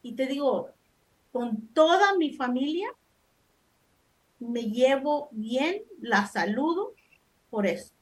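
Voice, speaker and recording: A woman with a notably high voice speaks on a talk show panel, giving casual advice. She is middle-aged and talks firmly and emphatically, circling back to drive her points home. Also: sing-song, slow pace, pauses often. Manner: firm, emphatic, repeats points for stress.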